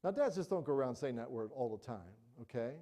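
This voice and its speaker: A middle-aged man preaching a sermon in a conversational, animated way, acting out little everyday examples. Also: medium pitch, quick pace. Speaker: pastor.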